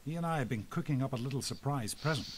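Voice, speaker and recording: A calm, encouraging adult from a game, played by an actor. His voice sits at a middle pitch and stays gentle. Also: fast, natural voice.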